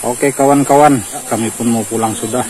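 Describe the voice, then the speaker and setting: A man's voice: mid-range voice, moderate pace, rough recording. A man from Malaysia, casually explaining as he vlogs outdoors in a durian orchard. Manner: relaxed explaining, steady even delivery. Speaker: vlogger. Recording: outdoor recording with clear background noise.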